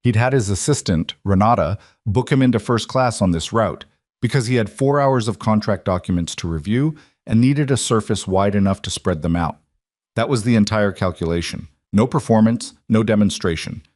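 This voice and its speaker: A male narrator telling a scripted drama story at a measured, even pace. His voice sits on the low side and sounds close and dry. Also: no echo.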